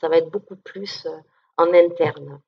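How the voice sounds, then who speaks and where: A woman's voice: low-pitched, measured pace, gravelly, husky. Chatty down-to-earth woman, lo-fi recording. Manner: down-to-earth, chatty, many fillers and check-ins. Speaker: medium giving a talk. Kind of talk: informal conference talk to an audience. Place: conference room with an audience.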